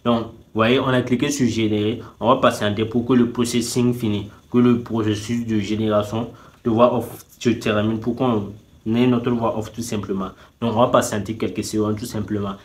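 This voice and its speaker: A man's voice: fairly low pitch, flat delivery, normal speed. Chatty man walking viewers through a website. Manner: repeats "tout simplement" constantly; talks straight to viewers, teasing them to subscribe. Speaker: YouTube tutorial host. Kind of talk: casual screen-recording tutorial.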